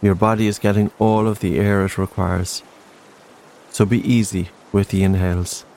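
A man narrating a guided relaxation in a slow, soothing sleep-story manner, gentle and unhurried, with spaced-out phrases. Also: fairly low pitch, little pitch movement, vocal fry, a little hiss or hum.

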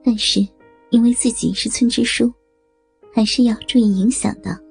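A woman narrating a story in a steady, matter-of-fact reading voice. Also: fairly high pitch, normal speed, vocal fry, husky, soft background music.

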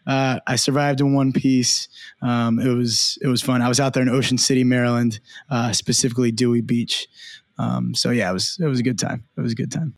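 Young man, mid-pitch voice, dry close mic, upbeat, rambling podcast chat. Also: dry recording. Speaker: co-host.

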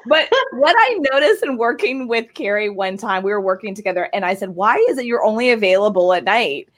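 An upbeat woman hosts a casual interview over a video call. Her voice sits in a middle pitch, and she talks in long, quick, encouraging runs. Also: lively intonation. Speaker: podcast host.

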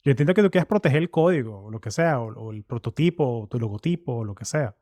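A man's voice: medium pitch, fast, no echo. A man, hosting a casual interview in a chatty, slangy way. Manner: chatty, slangy, animated asides. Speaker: podcast host.

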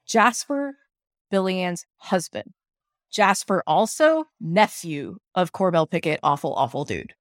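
A woman's voice: fairly low pitch, measured pace, dry recording, clean studio sound. A woman from the South, co-hosting a casual TV recap and arguing her points emphatically. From American South. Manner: animated, emphatic, opinionated. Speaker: podcast co-host.

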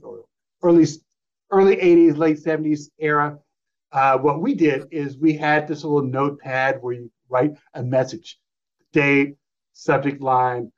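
A middle-aged man tells a long personal story in conversation, his voice sitting at an ordinary pitch. He talks loosely and rambles, slipping into little acted-out phone calls. The recording sounds a bit dull and lo-fi. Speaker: guest. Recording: slightly dull lo-fi audio.

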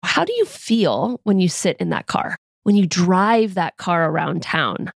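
A woman's voice: on the low side, very animated, a little slow, creaky, no echo. Upbeat woman podcast host, dry close sound. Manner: upbeat, encouraging, speaks directly to listener. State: slightly tired, groggy morning voice. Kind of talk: scripted motivational podcast monologue.

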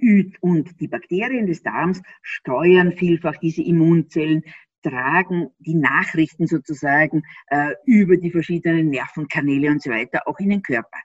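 This interview guest from Austria has a low, husky voice and talks at a normal speed. She explains things animatedly in her Austrian German accent, laughing often and raising rhetorical questions. The recording sounds dry and a bit dull.

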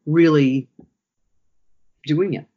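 Man, trainer, relaxed interview talk, thinks aloud, restarts sentences, fairly high voice, dull lo-fi sound. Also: very slow, husky. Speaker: guest, workshop trainer.

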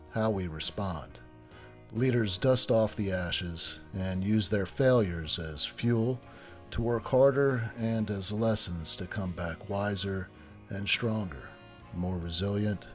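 A male podcast host speaks at a measured, even pace, filling gaps with ums and uhs as he introduces his guest. Faint music plays softly under his voice. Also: lowish voice. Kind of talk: scripted intro then casual interview.

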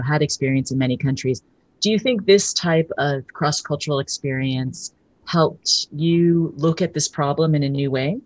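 A woman's voice: deep voice, no echo. A woman hosting a podcast, reading formal introductions and asking questions. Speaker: podcast host. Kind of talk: podcast interview.

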